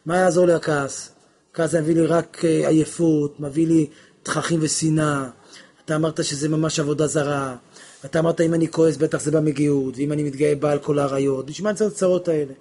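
Male rabbi-preacher, high husky voice, fervent sermon delivery that jumps from quiet to loud. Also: fairly even intonation. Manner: impassioned, swings from hushed to shouting, acts out dialogues. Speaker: rabbi teaching on prayer. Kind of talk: religious lesson, sermon.

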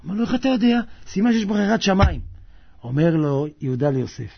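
A man giving a religious sermon, animated and full of comic storytelling, acting out the people in his stories as he preaches. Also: high-pitched, vocal fry, husky. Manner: animated, acts out quoted characters, shifts between loud and hushed. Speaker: rabbi. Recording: muffled lo-fi recording.

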